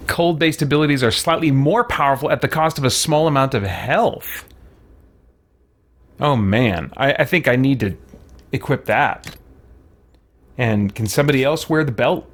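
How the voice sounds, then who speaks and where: A gamer hosting a let's play offers casual, playful commentary, musing to himself as he plays. His mid-range voice moves at normal speed with frequent pauses. Clear game noise and video game ambience sit behind him.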